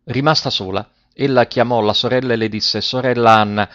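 A man reading a fairy tale aloud as narrator, with a measured, expressive delivery. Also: medium pitch. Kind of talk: storybook reading. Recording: dry, slightly muffled recording.

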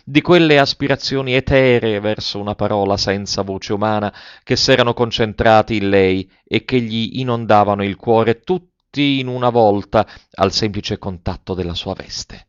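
Guy reading an old novel aloud, lowish voice, dry dull audio. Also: normal speed, few pauses, clear, resonant tone, no room sound. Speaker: audiobook reader. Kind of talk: literary narration. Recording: dull, slightly muffled dry sound.

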